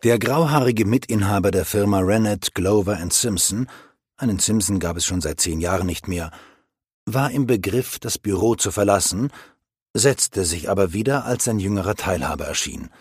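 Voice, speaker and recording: Older male narrator, husky and low, dry close mic. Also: expressive, normal speed, darkish tone, no room sound. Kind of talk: audiobook narration.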